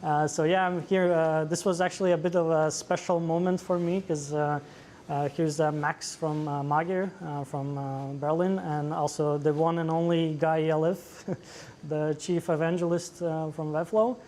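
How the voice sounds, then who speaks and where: A man's voice: fairly high pitch, little pitch movement, normal speed, darkish tone, slight background noise. Latvian man giving a hesitant tech talk. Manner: hesitant, many fillers. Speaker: conference speaker. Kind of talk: meetup presentation. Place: meetup venue.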